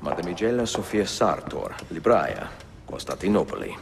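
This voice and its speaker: An actor playing a seasoned Italian assassin in a video game, calm, measured and wry, with an Italian accent. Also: male voice, low voice, gravelly, slight background noise, exaggerated voice. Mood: courteous. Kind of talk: video game cutscene acting.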